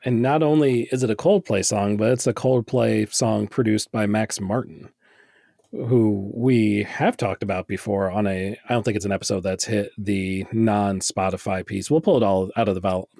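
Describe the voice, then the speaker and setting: Man, music podcast co-host, low voice, rambling and casual, dry close mic. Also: steady tone, moderate pace, vocal fry, warm tone, no echo. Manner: rambling, self-deprecating, swears casually. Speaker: podcast co-host reviewing albums. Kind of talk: casual music review chat.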